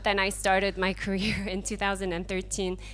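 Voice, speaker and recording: A woman's voice: medium pitch, monotone, moderate pace, fairly bright tone, slight background noise. A woman panelist speaking wryly and candidly on a conference stage into a handheld mic. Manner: wry, candid. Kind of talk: panel discussion.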